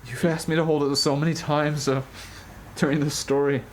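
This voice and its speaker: A man's voice: fairly high pitch, little pitch movement, fairly quick, a little hiss or hum. A man co-hosting a casual podcast, playful and self-mocking in his banter. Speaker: podcast co-host. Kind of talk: casual chat.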